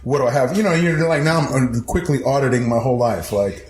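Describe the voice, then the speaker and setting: A man tells a story in a loose, casual way. He is animated and profane and slips into other people's voices, and his voice sits at an ordinary middle pitch. The room around him sounds echoey, with a faint hum of ambience. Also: quick pace. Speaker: guest storyteller. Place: house interior.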